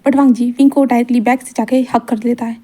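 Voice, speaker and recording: Lady retelling a fanfic super fast, rambly, keeps repeating the same little phrases. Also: a little high, fairly even intonation, warm tone. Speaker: storyteller. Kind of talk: retelling a fan fiction story.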